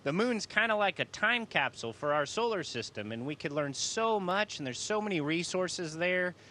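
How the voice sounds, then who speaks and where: Upbeat astronaut guy, bright voice a bit on the high side, folksy casual answers for kids. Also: animated, normal speed, slight background noise. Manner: enthusiastic, folksy. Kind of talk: casual question-and-answer with students.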